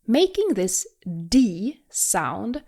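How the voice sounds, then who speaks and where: In a fairly high, mellow, sing-song voice that draws out her words, a woman teaches pronunciation. She demonstrates exaggerated rolled Rs for students to echo, pausing between them, and keeps her tone warm and reassuring.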